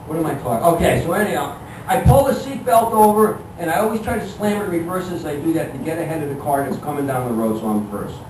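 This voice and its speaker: A middle-aged man doing live stand-up storytelling in a conversational, halting, exasperated and self-deprecating way. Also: a little high. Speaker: stand-up comedian. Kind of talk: live comic storytelling to an audience. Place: live room with an audience. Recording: echoey room, distant mic, clear background noise.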